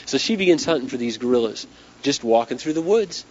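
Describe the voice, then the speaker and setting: In a dull lo-fi recording, a man with a medium-pitched, briskly paced and lively voice, though he's losing it, performs a story before a live audience. As an inspirational speaker, he keeps it dramatic and conversational, acting out lines of dialogue.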